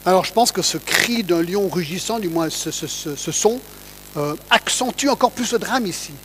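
A man's voice: high-pitched, expressive, moderate pace, a bit bright, a little hiss or hum, poor audio. A man giving a conversational Bible teaching, reading verses aloud and often checking in with his listeners. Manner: asks listeners to check in, reads scripture aloud.

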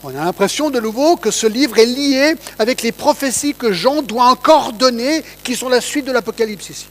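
A man's voice: very high-pitched, expressive, moderate pace, poor audio. A man giving a conversational Bible teaching, reading verses aloud and often checking in with his listeners. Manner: asks listeners to check in, reads scripture aloud.

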